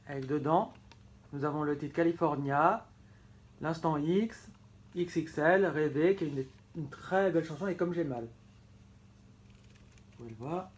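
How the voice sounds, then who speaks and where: Guy, kinda high voice, showing off his records, keeps fixing his words. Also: normal speed. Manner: enthusiastic, repeats words, corrects himself often. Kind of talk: casual show-and-tell vlog.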